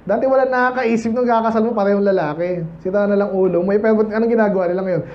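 A man's voice: high-pitched, fast talker, lo-fi sound. A man with a Filipino accent preaching a Baptist sermon in church, chatting with the congregation and asking "Amen?" and often acting out voices. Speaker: pastor.

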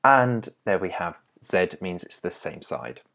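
A man's voice: low-pitched, very animated, unhurried, creaky, a bit bright. A young man teaching chemistry step by step in a patient, explaining way, with small restarts. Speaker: chemistry tutor. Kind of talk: explaining at a whiteboard.

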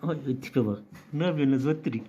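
A man's voice: mid-range voice, fast, dark tone, lo-fi sound. A man vlogging outdoors as he feeds street animals, calling them over in a raised sing-song voice and scolding them playfully. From Turkey. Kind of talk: casual vlog commentary. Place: outdoors around his workshop. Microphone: handheld camera. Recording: noisy outdoor recording.

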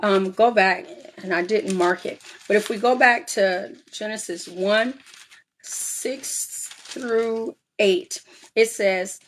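A woman's voice: medium pitch, slow, a little hiss or hum. Chatty woman teaching a Bible study. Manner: reads scripture aloud then explains with frequent "all right?" and "um". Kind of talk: casual Bible study reading and explanation.

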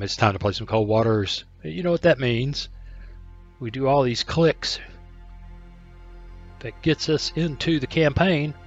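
A man's voice: medium pitch, muffled recording. A man hosting casual gameplay commentary in a chatty, folksy way, thinking aloud, a little coughy. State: clearing his throat, a bit coughy. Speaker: gaming channel host.

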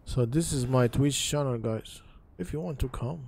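A man's voice: medium pitch, normal speed, vocal fry. A man streaming gameplay, commenting casually in broken English with a friendly, chatty manner. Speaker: livestreamer.

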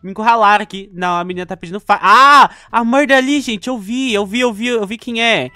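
A man's voice: high voice, fast talker, bright, forceful tone, dry recording, clean studio sound. A young man with a Brazilian Portuguese accent, giving chatty gameplay commentary with dramatic outbursts. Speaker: gaming YouTuber.

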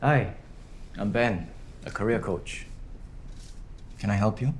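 A man in his thirties playing a calm, helpful career coach who explains things reassuringly in a screen drama. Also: fairly low pitch, takes it slowly, a little hiss or hum. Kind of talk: naturalistic screen drama acting.

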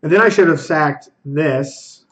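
Young male streamer, slightly high voice, running self-critical commentary on his own card game plays. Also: a bit bright. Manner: self-critical, thinking aloud, quick asides. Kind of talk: live gameplay commentary.

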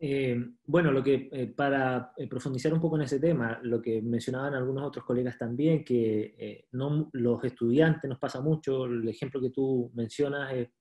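A man's voice: medium pitch, fairly even intonation, normal speed, hardly any pauses, dark tone. A man, a university staff member asking a question on a video call, hesitating with fillers.

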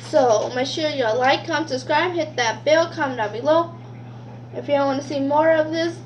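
A woman's voice: high voice, dull audio. A young woman making a casual cooking vlog in a small kitchen, chatty and talking straight to her viewers through a camera on the counter. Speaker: vlogger. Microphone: camera set on the counter. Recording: sizzling kitchen noise behind.

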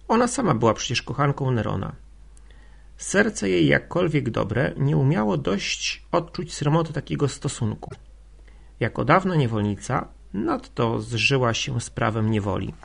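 A man narrating a classic novel as an audiobook in a steady reading manner. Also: medium pitch, creaky, husky.

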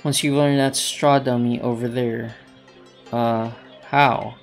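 Gravelly rambling game commentator. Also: male voice, medium pitch, fairly even intonation, takes it slowly, soft background music. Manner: rambling, hesitant, self-talking. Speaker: gaming channel host. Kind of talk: let's play commentary.

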